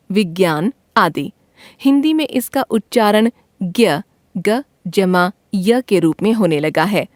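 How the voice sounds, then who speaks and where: Slow, careful woman reading a grammar lesson. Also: mid-range voice, darkish tone, dry recording, studio quality. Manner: slow, careful reading of letters and word lists. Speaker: teacher. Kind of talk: textbook grammar lesson read aloud.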